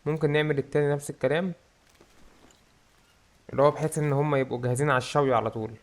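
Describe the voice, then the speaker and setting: Fast-talking Egyptian gamer. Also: male voice, on the high side. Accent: Egyptian Arabic. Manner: excitable, jokes about his own fear. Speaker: gaming YouTuber. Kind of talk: let's play commentary.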